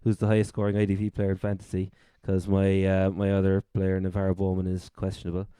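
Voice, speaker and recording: A man's voice: low voice, completely flat delivery, fast, dark tone, clear, resonant tone, dry recording. A man with a Cork accent from Ireland, co-hosting a sports podcast and casually running through updates. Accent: Irish, Cork. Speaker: fantasy football podcast co-host.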